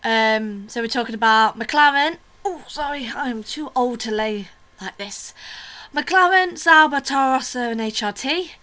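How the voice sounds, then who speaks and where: Woman, bright crisp tone, chatty opinionated vlog host, casual asides. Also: a little high, measured pace. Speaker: vlogger host. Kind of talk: casual video review chat.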